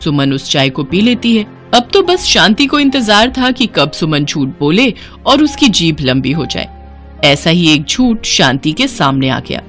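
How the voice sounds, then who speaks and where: A woman's voice: on the low side, sing-song, a little slow, a bit bright, soft background music. Woman narrating a moral story.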